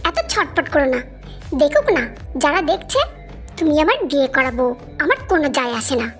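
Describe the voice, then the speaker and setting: A woman voicing a calm, possessive young husband in a storybook reading. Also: sits high, fairly quick, soft background music, voice pushed down.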